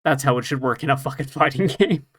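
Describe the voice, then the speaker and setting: A man's voice: mid-range voice, fast talker, fairly bright tone. A man co-hosting a podcast, chatting casually while playing a retro fighting game, joking about himself, laughing and swearing now and then. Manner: self-deprecating, laughs often, swears casually. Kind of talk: casual gameplay chat.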